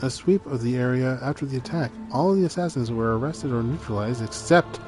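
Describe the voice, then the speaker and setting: A hulking game warden, voiced by a man, reports in a formal, grim and deferential manner to his ruler. Clear music runs underneath. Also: mid-range voice, a little fast, close to an everyday voice. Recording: music behind the voice.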